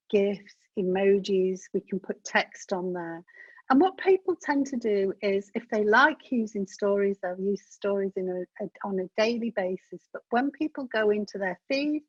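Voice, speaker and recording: Speaking in a mid-range voice with a breathy edge, a woman leads an instructional business webinar, chatty and practical as she talks right to her audience. There's no room sound, and the webinar audio comes across dull and dry.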